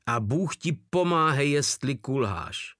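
A man's voice: medium pitch, expressive, fairly bright tone, no echo, clean studio sound, pitched above the performer's own voice, lightly acted. A man voicing a cocky male veteran soldier who makes crude threats. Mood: threatening.

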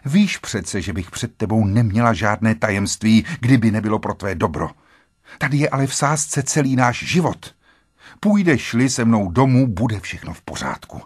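A man's voice: on the low side, expressive, breathy edge, no echo, clean studio sound. A man reading an audiobook voices a frightened young wife who begs her husband desperately. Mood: pleading, frightened. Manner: imploring, breathless urgency.

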